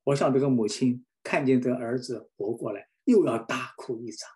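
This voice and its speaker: A middle-aged man delivers a sermon with fervent feeling. He circles back and repeats key phrases for emphasis. His voice sits at an ordinary middle pitch. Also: moderate pace, darkish tone. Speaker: preacher.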